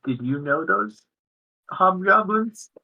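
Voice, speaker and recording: Man playing a raspy, courteous adventurer. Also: high voice, expressive, takes it slowly, phone-quality sound, full character voice. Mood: wry politeness.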